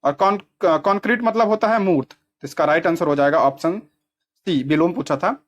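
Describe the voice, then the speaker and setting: A man's voice: on the high side, normal speed, muffled recording. A man teaching as an exam coaching teacher, explaining practice questions step by step and repeating key terms to check that they sink in.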